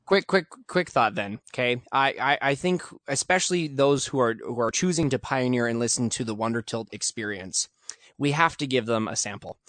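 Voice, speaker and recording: A man's voice: mid-range voice, normal speed, a bit bright, no echo. Joking male podcast host. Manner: joking, teasing, runs the segment. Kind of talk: casual podcast chat.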